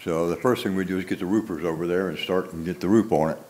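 A man's voice: low voice, quick pace, a little mellow. An older man representing a property owner, speaking plainly and casually at a podium in a council chamber. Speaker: contractor's representative. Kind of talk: speaking at a public hearing. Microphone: podium microphone.

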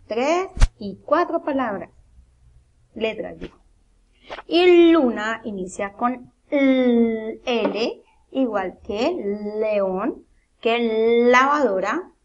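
A woman preschool teacher, giving an online lesson, slowly sounding out letters and syllables in a sing-song way for children and their mothers at home. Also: a little high, lively intonation, lo-fi sound, a little hiss or hum.

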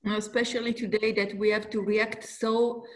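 A middle-aged woman with an Italian accent speaks on a video call panel. Her pitch is average, and her phrasing halts now and then as she works through English as a non-native speaker. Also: little pitch movement, moderate pace. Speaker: musician and flute teacher on a panel. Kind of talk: panel discussion. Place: indoor room on a video call.

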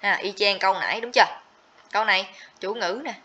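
A woman's voice: medium pitch, fairly quick, a crowd in the background. A woman teaching a livestream grammar lesson, explaining step by step and checking in with students often. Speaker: TOEIC teacher. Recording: slightly dull lo-fi audio.

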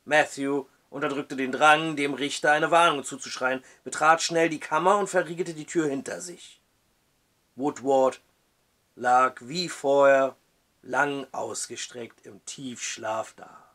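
Man reading a dark novel aloud. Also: mid-range voice, fairly even intonation, unhurried. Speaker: book reviewer.

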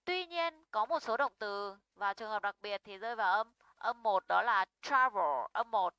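A young woman teaches English stress rules, her voice bright and crisp. She is patient and keeps checking that her students follow. The sound is dry and close, with no room echo. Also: medium pitch, expressive, normal speed. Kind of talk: online English pronunciation lesson.

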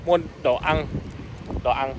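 A man's voice: mid-range voice, slow pace. A man in his twenties, a native English speaker, speaking broken, foreign-accented learner's Vietnamese in a casual vlog, repeating words as he searches for them. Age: 20s. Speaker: vlogger. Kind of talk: casual walking vlog, language practice. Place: outdoors on a street between apartment buildings. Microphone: phone at arm's length. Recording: windy outdoor phone recording, clear background noise.

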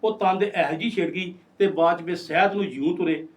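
Brisk and high-voiced, a man in his 60s, a poet from Punjab, India, shares stories during a relaxed interview, imitating the people he quotes. He sits far from the mic.

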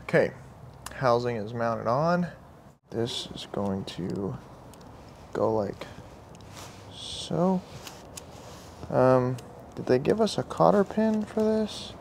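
A young man giving casual running commentary while fixing a carburetor at an outdoor workbench, in a relaxed way with muttered asides to himself. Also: medium pitch, slow, vocal fry, long pauses, slight background noise. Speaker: vlogger working on a carburetor. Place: outdoor workshop table beside a truck.

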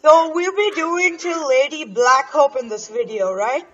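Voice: high voice, a little slow, fairly bright tone, soft background music. A young gamer hosting a casual gameplay chat over a muffled voice connection. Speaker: gaming video host.

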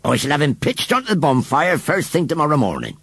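A man's voice: fairly high pitch, wildly swooping pitch, fairly quick, fairly bright tone, husky, no echo, voice pushed up, full character voice. A man voicing an angry farmer who roars and blusters at the children. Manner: roaring, blustering. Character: gruff angry male farmer.

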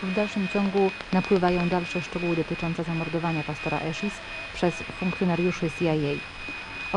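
Over a noisy, humming shortwave broadcast, a woman with a lowish, natural voice plays a radio news presenter. She reads a bulletin in a solemn, formal, serious way.

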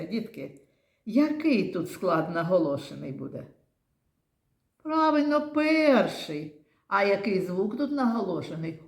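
Lady teacher talking slow n patient to little kids, lowish voice, echoey classroom. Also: a little mellow. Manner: slow, patient, coaxing, addressing children as "дітки". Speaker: primary school teacher. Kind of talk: classroom lesson for young children.

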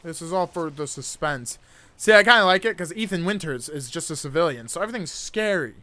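Nervous, clear-voiced young man streaming horror. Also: on the high side, expressive, a little fast, bright, forceful tone, no room sound. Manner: nervous, jokey reactions to scares; casual, profane. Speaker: video game streamer. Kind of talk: live horror game commentary. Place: indoor gaming room. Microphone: close desktop microphone.

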